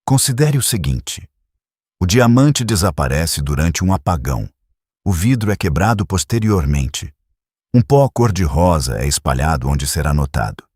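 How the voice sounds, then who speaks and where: A man voicing a shrewd elderly male detective who speaks in a measured, gently probing way, in an audiobook reading. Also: deep voice, sing-song, breathy edge, no room sound, clean studio sound, heavily acted. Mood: reasoning.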